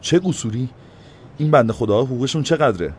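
A man's voice: mid-range voice, expressive, darkish tone, slight background noise, voice pushed up, lightly acted. A man voicing a stern male mayor who scolds his staff. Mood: angry. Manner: stern, reproachful.

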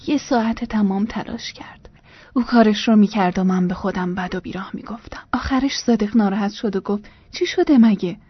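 A woman reading a first-person memoir aloud in a soft voice that often drops almost to a whisper. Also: mid-range voice, husky, no echo, dull audio. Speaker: narrator.

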